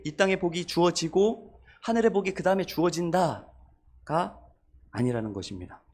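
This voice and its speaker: A man's voice: a little high, a little mellow. A man preaching a sermon as pastor, asking the congregation questions and rising on repeated refrains.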